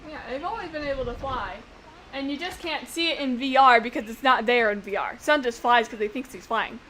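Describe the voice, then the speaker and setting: Rambling woman streamer, slightly high voice. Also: fairly quick. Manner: rambling, excitable, talks to her pet. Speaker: streamer discussing game theories. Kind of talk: casual chat. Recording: noisy home stream audio.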